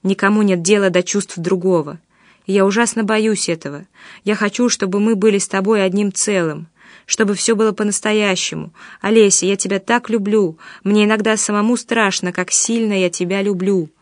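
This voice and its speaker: A woman voicing a tormented young man who speaks low, hushed and intensely. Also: steady tone, moderate pace, no room sound, clean studio sound, close to an everyday voice. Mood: pained pleading.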